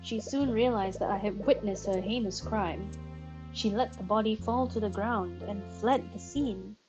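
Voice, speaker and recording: A woman voicing an earnest adult male eyewitness in a plain, steady read, over game music. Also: medium pitch, unhurried, dull audio, close to an everyday voice.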